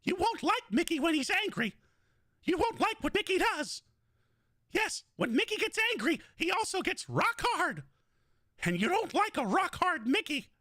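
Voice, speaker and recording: A squeaky cartoon mouse. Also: male voice, big pitch swings, normal speed, bright, forceful tone, no echo, clean studio sound, heavily acted. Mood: mock-angry. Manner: high, giddy, mock-angry squeal.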